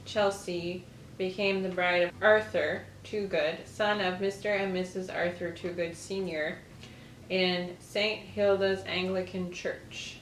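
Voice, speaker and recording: Slow and fairly low-pitched, a woman hosting a lifestyle channel chats casually and reads aloud from an old newspaper, her intonation fairly even. The audio has a little hiss or hum, a roomy echo, and faint music underneath.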